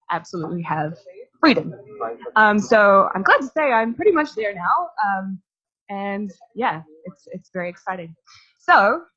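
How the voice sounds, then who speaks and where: A woman's voice: on the low side, a bit bright, husky, lo-fi sound. A young woman from New Zealand giving a casual, chatty workshop talk to a live audience, with lots of fillers. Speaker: workshop speaker.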